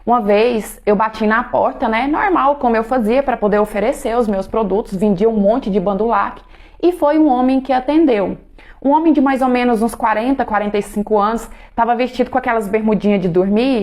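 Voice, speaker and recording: A woman's voice: a little high, fairly quick, a little mellow. A woman telling a personal story in an earnest, confiding way, often turning to her listeners directly.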